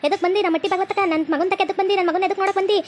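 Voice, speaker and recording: A woman doing a shrill bossy mother-in-law. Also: fairly even intonation, a little mellow, slight background noise. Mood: scolding. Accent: North Karnataka Kannada. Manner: scolding, rapid and shrill. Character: bossy sharp-tongued older mother-in-law. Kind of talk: cartoon voice acting.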